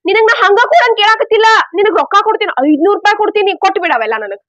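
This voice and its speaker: A woman's voice: extremely high pitch, very animated, very fast, a bit bright, no room sound, dull audio. A woman playing a despairing wife in a comedy sketch, pleading and complaining.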